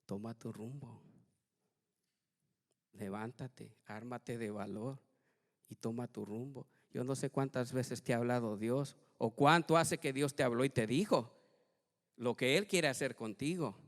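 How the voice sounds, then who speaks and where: A male pastor giving a sermon in Latin American Spanish, swinging from hushed to loud and acting out quoted voices. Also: medium pitch, measured pace, in a large hall. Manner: acts out his own and God's words in quoted speech. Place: church.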